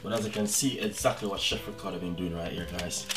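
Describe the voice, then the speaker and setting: A man's voice: low-pitched, fairly even intonation, quick pace. Chatty Jamaican man cooking, music behind. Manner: chatty, repeats "guys" and "you know what I mean". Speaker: cooking channel host. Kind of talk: casual cooking demonstration.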